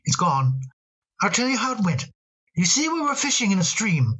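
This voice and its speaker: A man acting in an old radio drama as a tender father talking fondly to his daughter, gentle and a little halting. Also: high-pitched, sing-song, husky, heavily acted, low-quality recording.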